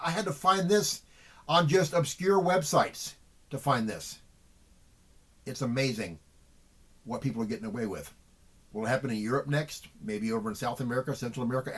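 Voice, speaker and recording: Earnest man with a repetitive, halting delivery. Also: medium pitch, fairly bright tone, slightly rough. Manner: earnest, repetitive, with frequent restarts. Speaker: vlogger. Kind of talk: emotional monologue to camera.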